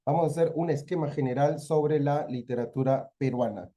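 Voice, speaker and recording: A man's voice: medium pitch, brisk, warm tone, lo-fi sound. A young adult man from Peru with a Peruvian Spanish accent, teaching a literature review lesson and putting questions to his students before answering them himself. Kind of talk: exam-prep literature lesson.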